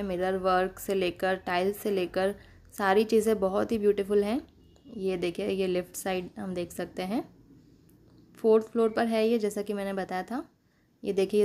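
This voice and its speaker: Indian woman vlogger, friendly guide voice, mid pitch, keeps telling viewers to look. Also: a little mellow. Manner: chatty, guiding the viewer with repeated "look here". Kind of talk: casual restaurant tour vlog. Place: indoor restaurant lounge.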